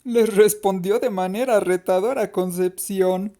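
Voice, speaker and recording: A woman narrating a mystery story in a slow, expressive, suspenseful reading. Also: mid-range voice.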